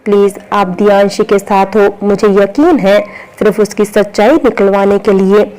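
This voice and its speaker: A bashful, loving young wife from a romance story, as a woman narrator reads her. Her lines come out level and steady, with little rise and fall. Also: medium pitch, unhurried, lightly acted, poor audio. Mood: pleading.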